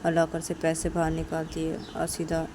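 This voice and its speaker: A woman narrating a homemade story in a casual, quiet way, linking the characters' lines with short low phrases. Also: monotone, moderate pace, background noise.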